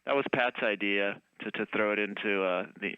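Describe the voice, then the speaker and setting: Low-voiced man on a dull radio line. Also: normal speed, smooth, no room sound. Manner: relaxed, wordy, many fillers. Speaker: band member, radio interview guest. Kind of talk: radio phone interview. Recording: dry, dull phone-line radio sound.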